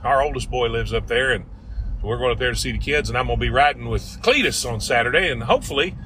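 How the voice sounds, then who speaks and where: A man's voice: medium pitch, expressive, fast, pushed and bright, soft background music, low-quality recording. A middle-aged man with a Southern Smoky Mountains drawl, co-hosting a casual, folksy podcast. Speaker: podcast co-host. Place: inside a moving car. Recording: constant vehicle road noise.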